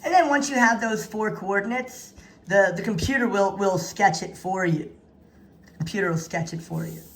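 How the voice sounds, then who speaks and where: A woman's voice: medium pitch, normal speed, slight background noise. A woman teaching math in an instructional walkthrough, dictating notation piece by piece and repeating key phrases for emphasis. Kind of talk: instructional walkthrough of practice problems. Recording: echoey room sound.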